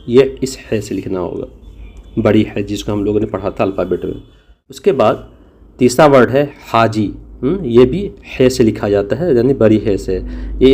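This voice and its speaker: A man's voice: medium pitch, dark tone. A man teaching a language lesson, explaining patiently and demonstrating sounds. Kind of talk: spoken lesson.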